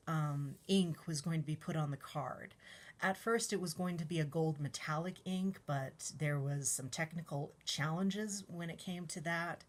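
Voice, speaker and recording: A young woman, her voice fairly low, casually reviews a tarot deck. She speaks softly and a little breathlessly, often trailing off into whispers and saying "um" a lot.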